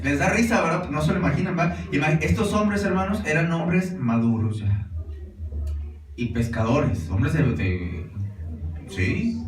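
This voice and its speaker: A man's voice: on the high side, expressive, unhurried, a little hiss or hum. A man preaching a sermon, speaking conversationally and often questioning his congregation and calling them brothers. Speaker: pastor. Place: church hall. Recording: roomy echo, distant mic, music behind.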